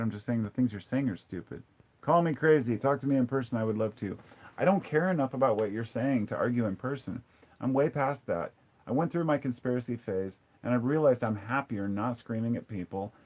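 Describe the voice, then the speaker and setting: A man's voice: medium pitch, a little mellow, highs cut off. A man hosting a casual live stream, reading viewer comments and answering them in a blunt, profane, sarcastic way. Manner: conversational, with frequent restarts.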